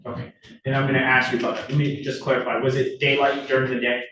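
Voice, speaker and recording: A man speaking as a prosecutor, formally questioning in court with halting, rephrased wording. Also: mid-range voice, little pitch movement, a bit bright. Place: indoor courtroom. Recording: very echoey courtroom, distant mic, clear noise.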